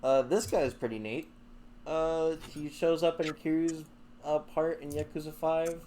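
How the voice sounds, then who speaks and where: A man's voice: on the high side, steady tone, a little slow, dark tone, a little hiss or hum. A man chatting casually as host, rambling with filler words and laughs, swearing lightly. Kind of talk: casual chat.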